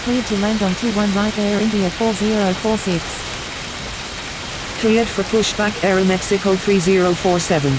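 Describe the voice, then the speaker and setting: Loud radio hiss surrounds a woman playing an airline pilot in a flight simulator game. She gives businesslike, clipped read-backs over the radio in a mid-range voice. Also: medium pitch, fairly even intonation, moderate pace, pauses often. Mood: businesslike, procedural. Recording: loud hissing radio static.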